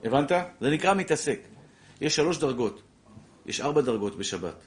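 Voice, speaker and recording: Animated man teaching a class. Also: mid-range voice, a little hiss or hum. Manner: animated, repeats points, acts out little scenes. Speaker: Torah teacher. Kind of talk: lively classroom halacha lesson.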